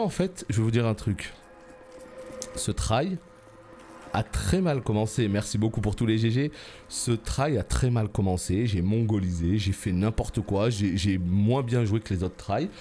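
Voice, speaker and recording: Excitable French gamer yelling at a boss. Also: male voice, on the low side, slight background noise. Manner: excitable, yells and pleads at the boss; teasing, sarcastic banter. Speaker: gaming YouTuber. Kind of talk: live gameplay commentary.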